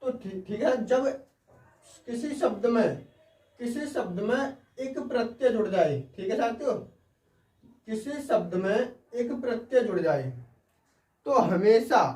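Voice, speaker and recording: A man's voice: high-pitched, darkish tone. Man teaching spelling in a roomy echo. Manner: explains word by word, keeps checking in with listeners. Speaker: Hindi grammar teacher. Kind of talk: online spelling lesson. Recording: roomy sound, mic at a distance.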